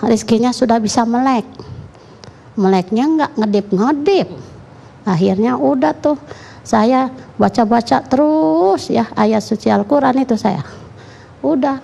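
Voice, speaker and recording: Gravelly woman telling her story. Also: on the high side, dark tone. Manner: recounts in short run-on clauses, plain and colloquial. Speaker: mother giving an interview. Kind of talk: emotional first-person account.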